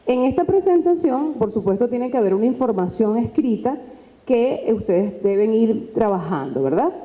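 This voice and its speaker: A woman lecturer, talking lively and conversationally into a microphone and acting out quoted dialogue. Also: fairly high pitch, moderate pace. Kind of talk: lecture on presentation skills. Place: lecture hall. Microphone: handheld microphone. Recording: dull sound with long hall reverb.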